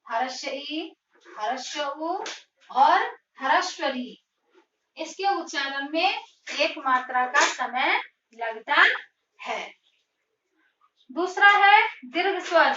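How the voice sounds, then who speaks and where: Female teacher, high and bright, unhurried, talks through the lesson question by question; off-mic, echoey, muffled lo-fi recording. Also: recorded from a distance, slight background noise. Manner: slow, deliberate explaining, posing questions to the class and answering them. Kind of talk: classroom grammar lesson. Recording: roomy, dull lo-fi sound, voice from off the mic.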